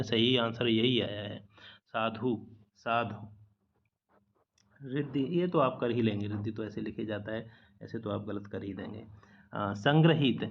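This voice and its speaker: A man's voice: mid-range voice, highs cut off. A man teaching a spelling lesson from slides, patiently repeating each correct word and mixing English words into his explanations. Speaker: exam-prep teacher.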